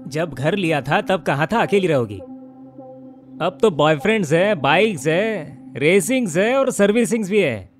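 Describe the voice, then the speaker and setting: A man's voice: sits high, expressive, unhurried, soft background music. A man dubbing a nosy middle-aged landlord who nags and mocks his tenant sarcastically. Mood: needling. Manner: sarcastic, nagging. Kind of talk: Hindi film dub.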